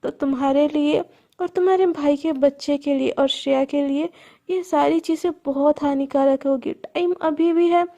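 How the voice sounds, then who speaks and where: A woman's voice: high voice, steady tone, normal speed, mellow. A woman voicing a scheming middle-aged father who taunts and mocks his captives. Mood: gloating. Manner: taunting, mocking.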